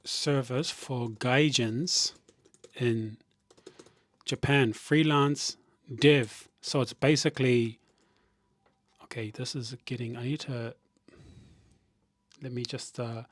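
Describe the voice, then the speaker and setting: A man chatting casually on a live stream, thinking out loud and reading viewer comments aloud, with frequent restarts. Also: medium pitch, fairly even intonation, takes it slowly, long pauses, dry recording.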